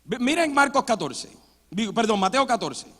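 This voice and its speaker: A man preaching a sermon in a church, with sudden loud dramatic outbursts. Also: extremely high pitch, big pitch swings, moderate pace. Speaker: pastor. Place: church sanctuary. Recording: long church hall reverb.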